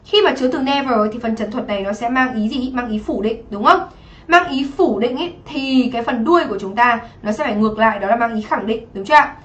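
A woman's voice: a little high, fast talker, reverberant, muffled recording. A woman teacher going through English exam answers step by step and often checking with the class whether they follow. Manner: explains step by step, often asks "right?". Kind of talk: exam review lesson.

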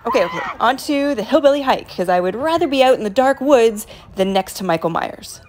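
A woman's voice: on the high side, expressive, fairly quick, a little mellow, slight background noise. A woman, chatting upbeat into a phone held at arm's length outdoors at night. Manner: chatty, upbeat selfie commentary. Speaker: real estate vlogger. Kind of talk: casual vlog tour. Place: outdoors at night at a farm attraction.

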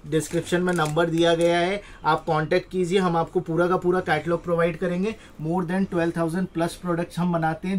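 Indian man giving an emphatic sales pitch. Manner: repetitive, emphatic selling patter.

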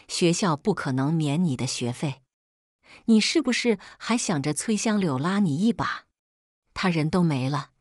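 A woman's voice: on the low side, a little mellow, no echo, clean studio sound. A woman voicing a harsh, angry middle-aged father who talks coldly and cuttingly. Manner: cold, cutting.

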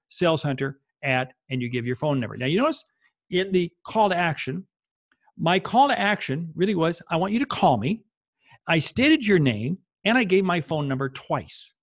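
A sales coach and video host in his fifties gives an instructional talk from a small home office, speaking emphatically in short, punchy statements. His voice sits on the high side, and he's close to a desk microphone in a dry recording.

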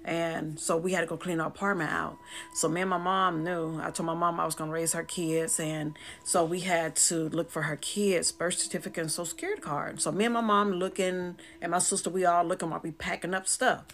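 Woman, storytime, emotional, fairly low voice. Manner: emotional, animated, gets loud when retelling. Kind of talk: casual spoken storytime.

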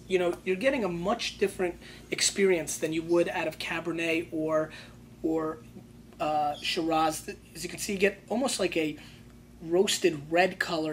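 A woman's voice: on the low side, slight background noise. A woman hosting a wine show, giving sommelier-style tasting notes in a colloquial, emphatic way and repeating phrases for emphasis.

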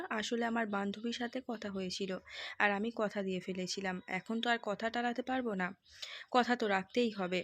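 A woman narrating a recap of a television serial episode in an even, read-aloud manner, quoting the characters' lines without acting them. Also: a little high, no echo.

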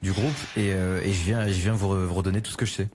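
A man's voice: low voice, fairly even intonation, fast, a little mellow. A man improvising game role-play conversation in an eager, agreeable and formally polite way. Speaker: player acting as an informant in a game role-play. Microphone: online game voice chat. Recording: clearly noisy voice chat with clicks.

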